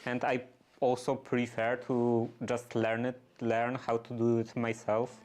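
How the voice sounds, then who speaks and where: Halting, slow-talking man with a flat delivery. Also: mid-range voice, slight background noise. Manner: halting, hesitant, often searching for words. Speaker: streamer doing workshop restoration. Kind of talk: unscripted casual chat.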